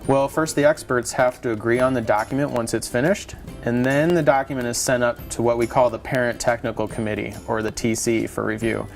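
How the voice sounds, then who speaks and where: A man's voice: mid-range voice, steady tone, brisk, gravelly, few pauses, faint music behind. A man presenting an explainer in a patient, conversational teaching manner. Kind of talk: semi-scripted explanatory dialogue.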